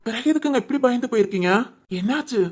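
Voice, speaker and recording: A woman voicing a gentle young husband who soothes and teases his wife in a village family drama. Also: a little high, animated, quick pace. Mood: soothing. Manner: soothing, teasing. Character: gentle reassuring young husband, loving and playful.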